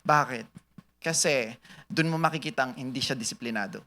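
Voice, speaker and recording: Bright-voiced joking preacher man. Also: mid-range voice, fairly quick. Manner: joking, laughs at own jokes, quizzes the audience; switches between Tagalog and English mid-sentence. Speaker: church speaker at a business talk. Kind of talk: sermon-style talk to a live audience.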